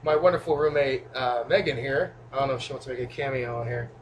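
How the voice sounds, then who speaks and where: A young man goofs around while demonstrating his cooking in a small home kitchen, rambling and tossing in jokes as he addresses a camera a few feet away. He talks fast in a medium-pitched voice with fairly even intonation. The camera mic picks up slight background noise.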